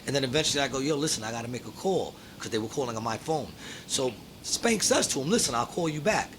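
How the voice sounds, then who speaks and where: Animated, profane man telling a story. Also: medium pitch, quick pace, background noise. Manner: animated storyteller, profane, laughs a lot and acts out quotes. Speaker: podcast host. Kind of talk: casual chat.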